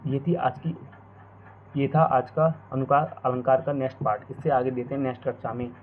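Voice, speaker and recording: A male teacher explaining a grammar lesson, repeating each definition and example slowly. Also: medium pitch, fairly even intonation. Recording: tinny phone-like audio, faint noise.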